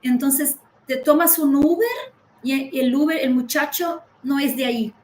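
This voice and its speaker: A woman's voice: high voice, normal speed, darkish tone, roomy sound. A woman from Uruguay with a Uruguayan Spanish accent, a language teacher talking casually and animatedly, laughing often and jumping between topics. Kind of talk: casual conversation.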